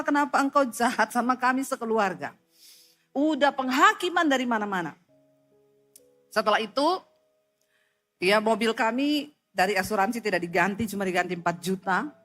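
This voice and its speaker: A woman preacher delivering a sermon as vivid storytelling, swinging sharply between loud and soft. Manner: expressive storytelling with sharp rises and drops in pitch and volume.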